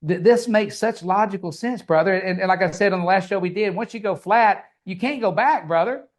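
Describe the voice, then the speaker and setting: A man's voice: sits high, a little fast. A man on a podcast who talks in casual chat, stammering and restarting, often saying brother. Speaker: podcast host.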